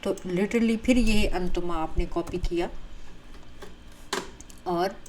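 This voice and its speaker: A woman with an Urdu accent teaching an online grammar lesson, drilling word forms slowly and clearly and mixing in English terms. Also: fairly low pitch, darkish tone, a little hiss or hum, low-quality recording. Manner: mixes English terms into her explanations.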